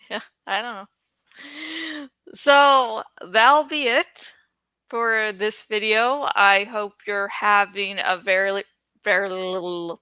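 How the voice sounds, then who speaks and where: With a bright, forceful, smooth voice of medium pitch and no room sound, this book-reading YouTuber talks casually to her audience. Her vlog chatter is jokey, meandering, and pokes fun at herself.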